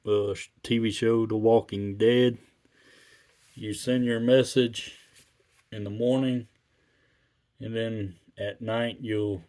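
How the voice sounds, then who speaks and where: A man talking casually and haltingly as a radio hobbyist, in a laid-back, folksy, rambling way. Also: lowish voice, warm tone. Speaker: radio hobbyist video maker.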